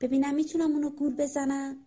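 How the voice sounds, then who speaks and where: A woman's voice: high-pitched, level tone, mellow, lightly acted. A woman voicing a cunning, wicked male bird in a children's story, speaking in a scheming, falsely sweet way.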